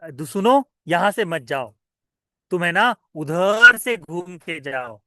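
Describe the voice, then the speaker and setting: A monk voicing an angry scolding farmer. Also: male voice, sits high, sing-song, takes it slowly, pushed and bright, dry recording, clean studio sound, full character voice. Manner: scolding, repetitive pleading. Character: angry male farmer guarding his crops.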